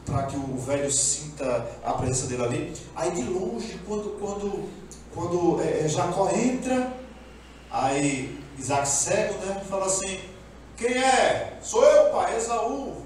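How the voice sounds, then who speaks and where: A man's voice: fairly high pitch, animated, a little slow, darkish tone. A man preaching a sermon as pastor, telling a story with animation and acting out the voices of the characters. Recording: echoey room, speaker far from mic, faint background noise.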